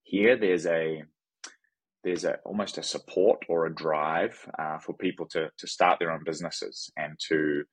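A man's voice: very deep voice, unhurried, husky, dry recording. A young man with a New Zealand accent, a podcast guest chatting casually with lots of restarts. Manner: relaxed, frequent restarts and fillers. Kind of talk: casual conversation.

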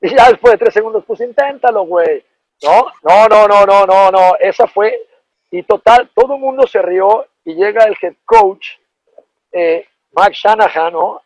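A man's voice: sits high, a little slow, no room sound, rough recording. A middle-aged man with a Mexican accent, a former football player telling an anecdote in a casual, profane, slangy way. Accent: Mexican Spanish. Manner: animated, profane, slangy storytelling.

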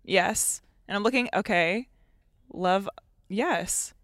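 Woman, 30s, comedian guest, bright clear voice, blunt teasing banter, dry close sound. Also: medium pitch, dry recording. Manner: blunt, teasing, quick to laugh. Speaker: podcast guest, stand-up comedian. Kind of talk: casual chat. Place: inside a parked van.

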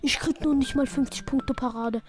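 High-voiced woman giving excitable gameplay commentary. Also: moderate pace. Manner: excitable, self-mocking play-by-play. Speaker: gaming video creator.

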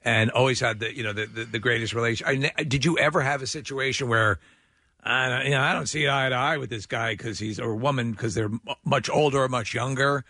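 Wisecracking man with a bright voice. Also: mid-range voice, fairly quick, no echo, clean studio sound. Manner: wisecracking, does jokey quote voices. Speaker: radio show co-host. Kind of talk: casual chat.

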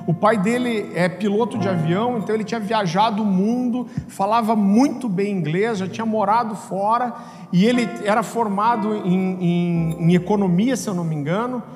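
Man, Brazilian accent, pastor, animated sermon storytelling, long hall reverb, background music. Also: high-pitched, moderate pace. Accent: Brazilian Portuguese. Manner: animated, acts out voices, jokes.

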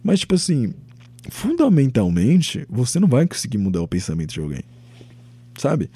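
Rambling Brazilian man with a husky, animated voice. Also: mid-range voice, normal speed, no room sound. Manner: animated, rambling, swears freely, acts out quoted voices. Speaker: podcast host. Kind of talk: casual opinion monologue.

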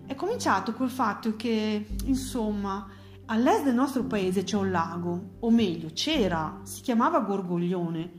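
A woman's voice: mid-range voice, animated, unhurried, roomy sound, soft background music, close to an everyday voice. A woman voicing an unhappy will-o'-the-wisp spirit who stumbles over words in a storybook reading. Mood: worried.

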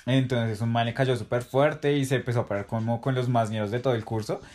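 A man's voice: medium pitch, fairly even intonation, a little fast, darkish tone. A young man, chatting casually with a friend and telling stories in heavy slang. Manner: slangy, storytelling, laughs often. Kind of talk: casual chat between friends.

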